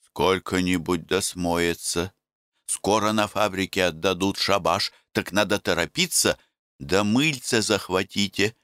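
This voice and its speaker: A male reader voicing a kindly village woman who gently coaxes, in a folksy way. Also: deep voice, a little slow, clean tone, dry recording, clean studio sound. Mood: worried, practical. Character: kindly elderly village woman, coaxing, caring.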